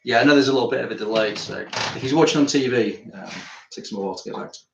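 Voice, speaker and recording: A man's voice: medium pitch, rapid-fire, creaky, fairly bright tone, dull audio. A British man, an artist chatting casually on a live stream while he works, rambling and thinking aloud, a bit tired after climbing. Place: art studio. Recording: roomy studio with faint noise.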